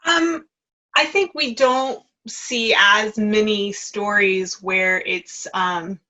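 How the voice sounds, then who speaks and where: A woman's voice: mid-range voice, drawn-out words, pushed and bright. A woman talking as an editor on a panel, conversational and a little hesitant, with frequent "um"s. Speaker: magazine editor and panel guest. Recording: dull lo-fi call audio.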